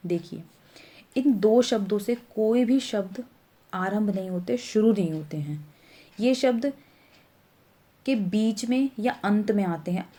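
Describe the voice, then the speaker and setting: A woman with a mellow, mid-range voice gives a Hindi grammar lesson to young pupils, patiently explaining letters. She repeats herself and fixes small slips as she goes.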